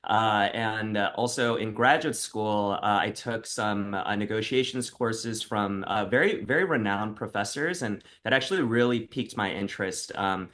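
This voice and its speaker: A man talking as an interview guest, halting and dotting his sentences with many "uh"s. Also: lowish voice, a bit bright. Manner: halting, full of "uh" fillers. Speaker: co-founder, guest.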